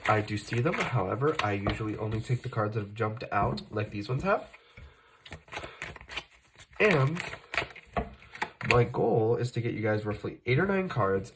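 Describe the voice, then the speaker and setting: A channel host does a tarot reading while fighting off a cold, coughing now and then. He talks conversationally in a lowish voice, frequently correcting himself and using fillers, and the recording is very noisy.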